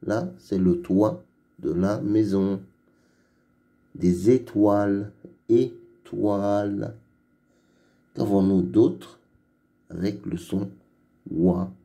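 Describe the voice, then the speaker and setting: A reading teacher guides young children through a phonics lesson, pronouncing every word slowly, clearly and twice. His low, dark, gravelly voice moves at a very unhurried, patient pace.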